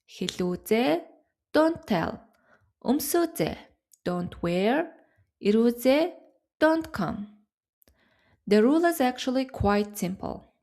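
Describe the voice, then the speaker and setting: Slow, high-voiced woman teaching grammar. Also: darkish tone. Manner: slow, careful explanation with example words. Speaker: language teacher. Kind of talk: scripted grammar lesson.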